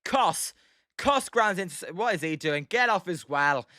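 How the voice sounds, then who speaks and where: A young British man in his twenties hosting a livestream, calling pitches and casually answering viewers' chat. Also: animated, a little slow, sharp tone, dry recording, studio quality. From United Kingdom. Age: 20s. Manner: chatty, reads out viewers' names and answers them between pitch calls. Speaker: livestream host. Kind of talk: casual play-by-play with chat replies.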